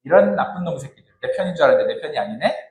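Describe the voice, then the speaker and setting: 목사가 흉내 내는 억울해서 투덜대는 남자. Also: male voice, a little high, expressive, rapid-fire, reverberant, phone-quality sound, close to an everyday voice. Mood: indignant. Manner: indignant, grumbling. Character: aggrieved middle-aged man grumbling in the wilderness.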